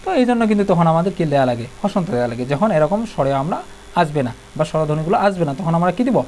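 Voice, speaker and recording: Rapid-fire young male tutor. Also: on the high side, lively intonation, a little mellow, a little hiss or hum. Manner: explains step by step, repeats and restarts; addresses students informally, colloquial. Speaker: teacher. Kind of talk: exam-prep video lesson.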